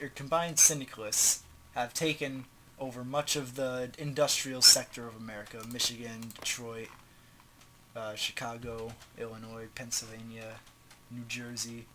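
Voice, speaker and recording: This man, a gaming tutorial host, sounds stuffed up with a slightly sore throat as he casually clicks through menus in a strategy game tutorial, offhand and slangy. His mid-range voice is a bit bright, and the poor audio carries slight background noise.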